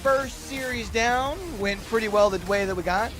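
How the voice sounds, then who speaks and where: A man's voice: sits high, moderate pace, over music. A man hosting a watch party stream, chatting casually with his viewers and greeting them by name, heard through a livestream headset mic.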